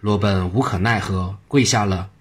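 A man reading a traditional story aloud in a steady narrating manner. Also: on the low side, moderate pace, husky.

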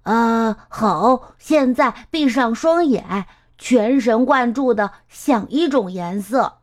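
A woman's voice: a little high, lively intonation, takes it slowly. A woman voicing a cheerful, helpful animal friend in a children's storybook, sounding eager and encouraging.

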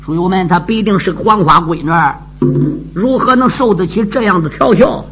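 A male storyteller narrating a martial arts tale in a traditional, lively and dramatic way. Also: high voice, normal speed, breathy edge. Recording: dull lo-fi with music.

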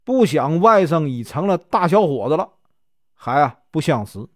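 A man's voice: fairly high pitch, sing-song, moderate pace, no room sound, studio quality. A man voicing a deaf, talkative old aunt who fusses over her guest and scolds her giggling girl. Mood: fussy, chatty. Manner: talkative, fussy, scolds loudly.

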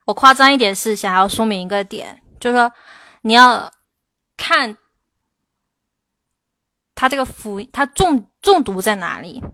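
A woman English teacher answering viewers' questions in a livestream, explaining slowly and stressing her English examples. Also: on the high side, lively intonation, pushed and bright, dry recording. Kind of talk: livestream Q&A lesson.

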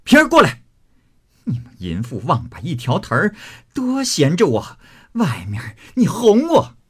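A man's voice: measured pace, darkish tone. A man voicing a furious, jealous young noblewoman who screams and shrieks. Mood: screaming rage. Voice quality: shrill screaming.

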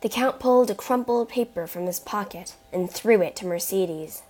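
A woman narrating a chapter book in a slow, deliberate reading voice. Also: medium pitch, a little mellow. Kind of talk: storybook narration.

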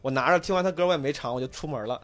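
A man in his thirties, a podcast guest, telling a story in a casual, animated way, laughing and swearing freely. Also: mid-range voice, rapid-fire.

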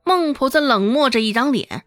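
A woman narrating a serialized novel as an audiobook, in a lively storytelling manner, voicing all the characters herself. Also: high voice, normal speed, no room sound, studio quality, soft background music.

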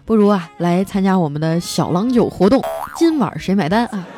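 Woman, host, comic storytelling, lively, chatty, drawn-out particles, faint background music. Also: medium pitch.

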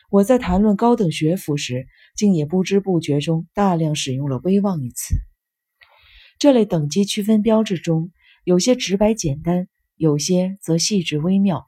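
A woman reads a nonfiction text aloud in a low, slightly breathy voice with a mellow, warm tone. She keeps a steady, measured pace, and the recording is close and dry, with no room sound. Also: no echo. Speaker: audiobook narrator. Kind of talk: scripted nonfiction narration.

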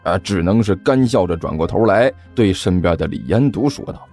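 A man narrating an audiobook in an animated storytelling manner. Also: low-pitched, normal speed, soft background music.

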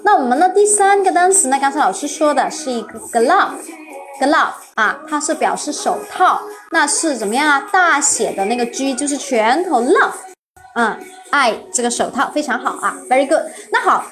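A woman with a high voice leads a live-streamed English vocabulary lesson. She spells each word letter by letter, quizzes her class and praises them often. Faint music plays quietly under her voice. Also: lively intonation, moderate pace. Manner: spells words letter by letter, asks the class questions.

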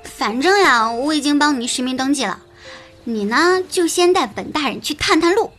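A woman's voice: high-pitched, expressive, moderate pace, fairly bright tone, faint music behind. A woman playing a cheeky, bossy young woman who teases her friend, in an audio drama. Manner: teasing, calls herself "this lady boss". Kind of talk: amateur audio drama acting.

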